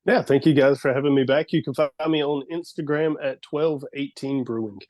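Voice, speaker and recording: A man's voice: medium pitch, steady tone, brisk, darkish tone. Laid-back male guest. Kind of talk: casual chat.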